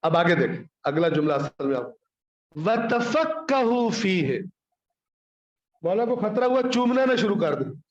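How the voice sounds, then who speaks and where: High-voiced preacher in a roomy hall. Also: male voice, a little fast, lo-fi sound. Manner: scolding, rhetorical questions, quotes Arabic. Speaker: Islamic scholar preaching. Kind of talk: Urdu sermon on the Quran.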